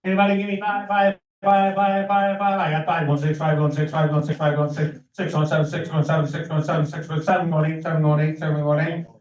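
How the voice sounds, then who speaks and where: A man's voice: fairly high pitch, monotone, fast talker, few pauses, darkish tone, muffled recording. An American man working as an auctioneer, calling bids in a rhythmic, repetitive chant of numbers. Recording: echoey room, distant microphone.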